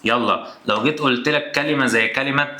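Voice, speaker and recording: A man's voice: medium pitch, fairly quick, bright, forceful tone. A man with an Egyptian Arabic accent teaching grammar in a playful, teasing way, acting out the questions his students might ask. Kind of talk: energetic classroom lesson. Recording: echoey room.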